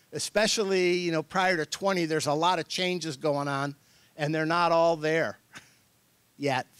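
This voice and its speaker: Middle-aged man presenting, slightly high voice. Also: a bit bright, dry recording. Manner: conversational, hedging, chuckles often. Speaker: workshop presenter. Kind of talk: informal workshop lecture.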